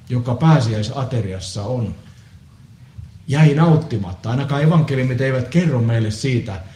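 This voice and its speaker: A man preaching a solemn Good Friday sermon, measured with pauses and the odd hesitant filler. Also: mid-range voice, warm tone. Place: church. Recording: echoey church with faint ambience.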